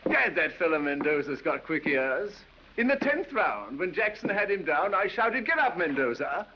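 A foppish English aristocrat, drawling, lively sing-song voice, hissy old film sound. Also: male voice, on the high side, moderate pace. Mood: foppish banter. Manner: drawling, silly, laughs at his own jokes. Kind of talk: 1930s film acting. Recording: dull 1930s film soundtrack with faint hiss.

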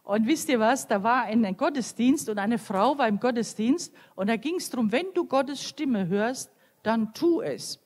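A woman in her fifties from Croatia, a nun giving a lively storytelling sermon at a youth meeting. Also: fairly high pitch, a little slow. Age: 50s. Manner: storytelling, acting out quoted voices. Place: large venue at a youth meeting. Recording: long reverb of a hall.

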